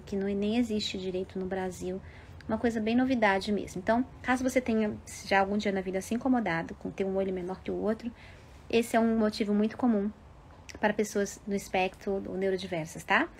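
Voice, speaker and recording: A woman giving advice to parents in an unhurried, explanatory monologue, often adding little tag questions. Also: mid-range voice, slight background noise.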